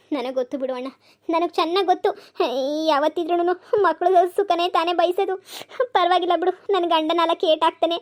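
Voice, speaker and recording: A woman's voice: very high voice, pitched above the performer's own voice. A voice actor playing a weepy, melodramatic village woman pleading with her elder brother in a cartoon comedy. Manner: wailing, pleading, overwrought. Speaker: sister.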